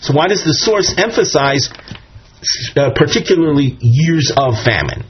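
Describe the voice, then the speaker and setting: A man teaches a Talmud lesson a little slowly, his voice on the high side with big pitch swings, explaining step by step and quoting Aramaic and Hebrew phrases. The dull, lo-fi recording carries a little hiss or hum.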